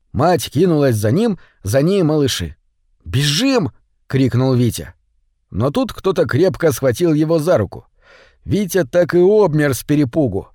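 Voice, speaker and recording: A man narrating a children's story audiobook in an expressive storytelling manner. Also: a little high, no room sound, studio quality.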